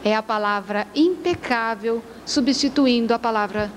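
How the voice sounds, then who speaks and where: A woman giving a spiritist lecture in a lecture hall, telling a story in a slow, emphatic way. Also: fairly high pitch. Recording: long hall reverb, faint traffic noise.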